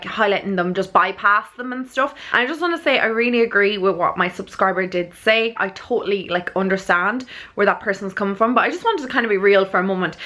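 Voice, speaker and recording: A woman's voice: mid-range voice, pushed and bright. A woman with an Irish accent chatting casually to camera as a vlogger, earnest and rambling, often checking that she makes sense.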